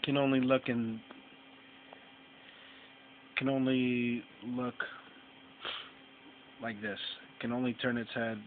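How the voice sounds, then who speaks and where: A man's voice: medium pitch, flat delivery, slow, long pauses. A man casually reviewing an action figure, rambling with lots of fillers and restarts. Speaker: toy reviewer. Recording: tinny phone-like sound, faint noise.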